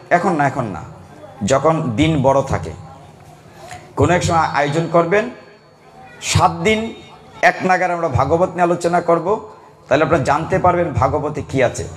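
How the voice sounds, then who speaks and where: Man, higher voice, devotional sermon, lively, questions the audience. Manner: animated, asks the audience questions and calls for responses. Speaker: kirtan preacher.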